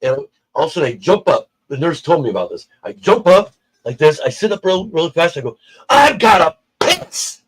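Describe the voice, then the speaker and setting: A man's voice: a little high, expressive, fast, slight background noise, rough recording. A man telling a personal story in casual chat on a livestream, acting out the people he quotes. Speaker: livestream guest.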